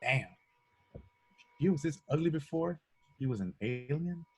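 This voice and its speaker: A man's voice: on the high side, lively intonation, a little slow, darkish tone, husky. A man reading the part of a brash, skeptical young rookie agent at an amateur table read, informal and incredulous.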